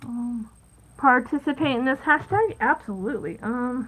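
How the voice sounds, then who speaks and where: A woman hosting a casual live crafting stream, chatty and rambling, with plenty of fillers and soft asides at her craft table. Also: sits high, moderate pace, very noisy. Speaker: crafting livestream host.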